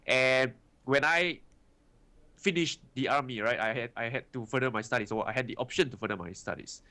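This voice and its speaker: A Singaporean man in his twenties, speaking English with a Singaporean accent, is a guest trader answering interview questions about how he got into trading. His medium-pitched voice is sharp and fairly quick, and he chats loosely, often tagging on "right" and "you know."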